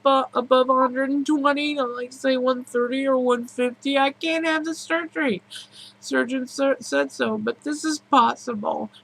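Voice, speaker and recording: A woman's voice: high-pitched, a bit bright, rough recording. A woman speaking candidly and emotionally in a personal vlog, with emphatic, repetitive, earnest phrasing. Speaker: personal video blogger.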